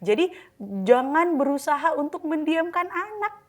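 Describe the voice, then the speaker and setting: Woman giving animated parenting advice. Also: sits high, normal speed. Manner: mixes English phrases into speech, acts out parent-child dialogue. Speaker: parenting practitioner guest. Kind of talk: conversational podcast advice.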